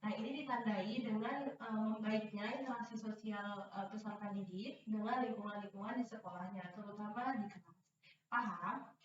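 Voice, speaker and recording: In a classroom-style session, a young woman leads group counseling like a teacher, her mid-range voice steady and moderately paced. She uses lots of hesitant fillers and keeps checking that everyone follows. The audio comes from a distant, dull mic in an echoey room with faint noise.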